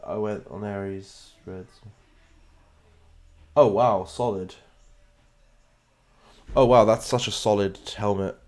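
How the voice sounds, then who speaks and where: Here a man with a slightly mellow, lowish voice streams a game. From London, England, he speaks with a British London accent, giving rambling, casual commentary and chatting with his viewers as he plays.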